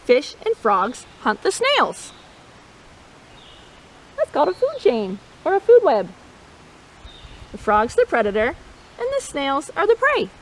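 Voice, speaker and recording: A storytime host and nature educator reads a children's nature story aloud in a high, expressive voice, playful and full of asides, asking her listeners questions and imitating animal sounds. She keeps a measured pace with long pauses, and the audio quality is poor.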